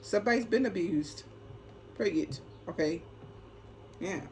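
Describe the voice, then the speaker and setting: A tarot reader who hosts her own channel gives a casual, unscripted spiritual card reading in a lowish, animated voice at an unhurried pace. She speaks emphatically and repeats herself, often tossing in short check-in tags, against a clearly noisy ambient background.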